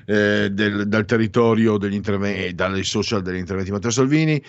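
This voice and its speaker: Hesitant older male radio host, low-pitched. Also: brisk, dry recording, muffled recording. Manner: hesitant, rambling, self-correcting. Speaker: radio talk show host. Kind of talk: live radio commentary on news and polls.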